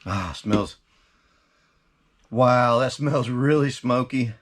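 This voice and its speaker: A man's voice: medium pitch, slow. A man giving a casual recipe demonstration as a cooking host, folksy and chatty, often half talking to himself.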